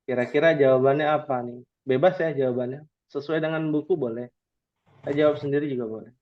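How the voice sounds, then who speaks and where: A man teaching an Arabic class online, encouraging students and slowly repeating words for them. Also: mid-range voice, fairly even intonation, muffled recording.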